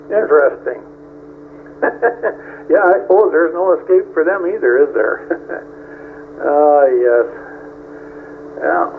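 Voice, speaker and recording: A man running an amateur radio net as net control, easygoing and chuckling, heard over a radio transmission with static. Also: fairly high pitch. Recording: tinny radio with faint static.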